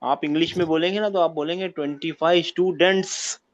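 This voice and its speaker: A man's voice: a little high, fairly even intonation, fairly quick. Patient male teacher on a muffled call. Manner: patient, encouraging, calls students by number. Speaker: Arabic teacher. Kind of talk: online class instruction.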